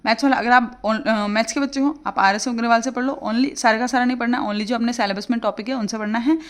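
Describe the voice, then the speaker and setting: A woman's voice: on the high side, steady tone, fast talker. A woman, giving casual exam-prep study advice as a tutor and chatting with plenty of fillers.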